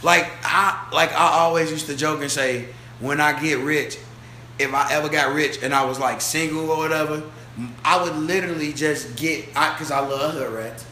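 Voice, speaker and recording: A man in his twenties chatting casually on a podcast, telling stories in a loud, animated, slangy and profane way. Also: on the high side, normal speed. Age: 20s. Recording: echoey room with faint ambient noise.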